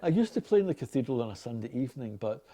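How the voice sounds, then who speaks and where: A man's voice: mid-range voice, sing-song, racing, dark tone. A man in his late sixties with a Glasgow Scottish accent. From Glasgow, Scotland. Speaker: organist. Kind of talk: reading accent sample passages and word lists aloud; casual chat about his own life.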